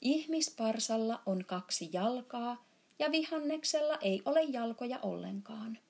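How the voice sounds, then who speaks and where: A woman voicing a big, friendly, muddled male giant who mangles his grammar and shouts now and then in a storybook reading. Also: animated, vocal fry. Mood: booming muddled. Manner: jumbled grammar, booming shouts.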